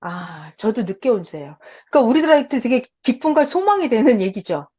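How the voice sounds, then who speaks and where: Animated woman preaching over a video call. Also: a little high, brisk, slightly rough, lo-fi sound. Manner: animated, asks the audience questions. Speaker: Bible teacher. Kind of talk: online Bible study sermon.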